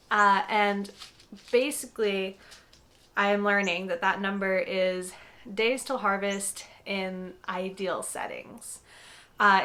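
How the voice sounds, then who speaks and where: A young gardening vlogger, slightly congested from a cold, chats her way through a casual explanatory video, dropping "um" and "like" often. Her medium-pitched voice comes across pushed and bright. She films indoors, with some segments shot outside in a garden.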